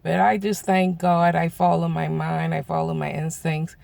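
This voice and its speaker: A man, telling a story to his viewers in a casual, animated way and acting out the voices of people he quotes. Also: a little high, normal speed, no room sound. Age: 40s. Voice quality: gravelly. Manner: animated, acts out quoted voices, laughs often. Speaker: vlogger.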